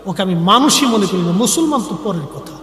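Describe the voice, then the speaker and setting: Echoing, high-voiced male preacher. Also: animated, brisk, fairly bright tone, slight background noise. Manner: emotional, pleading, emphatic with repeated phrases. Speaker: Islamic preacher. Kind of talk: impassioned waz sermon to a gathering. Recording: echoey hall with long reverb.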